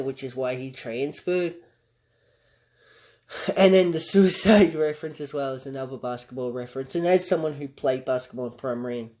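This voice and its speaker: A man's voice: medium pitch, warm tone. A man hosting a reaction commentary, talking through song lyrics in a conversational, analytical way and chuckling often. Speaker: commentary channel host.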